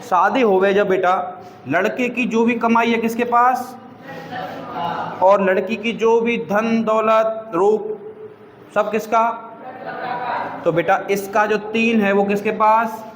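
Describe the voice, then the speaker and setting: Male teacher, high pitch, quizzes class nonstop; long reverb in the room. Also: steady tone, takes it slowly, pauses often. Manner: quizzes students with repeated questions, calls them beta.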